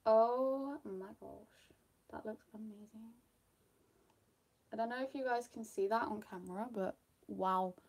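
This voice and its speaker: Doing her makeup on camera, this UK vlogger speaks a little high and a little slowly, leaving long pauses in a darkish voice. Her British accent carries a slight Australian tinge, and her casual chat rambles along with fillers and frequent small laughs.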